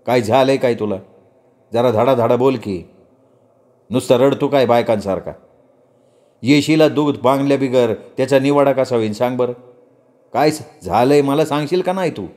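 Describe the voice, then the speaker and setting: A man voicing a caring but blunt rural older brother who speaks in a rough village manner. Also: mid-range voice, moderate pace, pauses often, darkish tone, natural voice. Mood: coaxing. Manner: blunt village dialect, coaxing.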